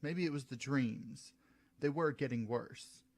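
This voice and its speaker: A man narrating his own science fiction story in a steady reading voice. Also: medium pitch, a little slow. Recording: soft music behind.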